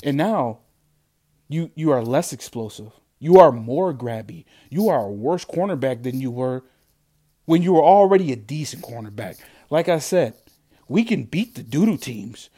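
A man's voice: fairly high pitch, dark tone, slightly rough. A man ranting angrily and profanely about his football team's losses, repeating himself as he vents. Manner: angry, profane, repetitive. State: upset. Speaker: sports fan ranting. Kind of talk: profane sports rant.

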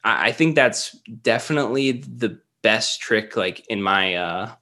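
A man's voice: lowish voice, animated, measured pace, sharp tone. A man talking as a podcast guest in casual conversation, hesitant and full of fillers as he thinks aloud. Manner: hesitant, many fillers and restarts.

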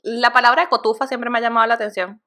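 A Venezuelan woman joins a casual podcast chat with a bright, slightly raised voice. She tells personal anecdotes in a chatty, easygoing way. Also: a little high, fairly even intonation, fast talker.

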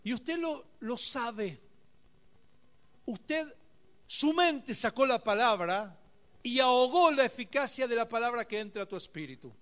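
High-voiced man preaching with fervor. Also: animated, a little slow. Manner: impassioned preaching, dropping to hushed tones then shouting. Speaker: pastor. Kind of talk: sermon. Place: speaking at a live congress.

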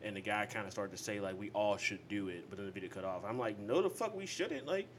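A man's voice: lowish voice, steady tone, fast talker, fairly bright tone, slight background noise. A young man co-hosting a casual podcast, swearing freely and laughing through his stories. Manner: profane, laughing storyteller. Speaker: podcast co-host.

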